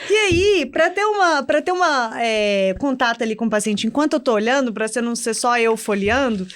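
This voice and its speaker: A Brazilian woman, a doctor co-hosting a casual podcast, talking in a lively way and laughing easily. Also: on the high side, brisk. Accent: Brazilian Portuguese. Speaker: endocrinology doctor, co-host.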